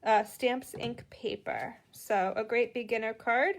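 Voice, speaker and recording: A woman's voice: a little high, fairly even intonation, measured pace. A middle-aged woman with a Boston accent, chatting through a live card-making tutorial and greeting viewers as she works.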